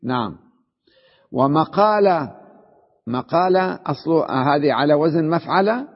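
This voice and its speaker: A man teaching an Arabic grammar lesson. He explains step by step, asks his class questions and answers them himself, and drags words out slowly to spell out their forms. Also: fairly high pitch, expressive. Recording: muffled recording with long hall reverb.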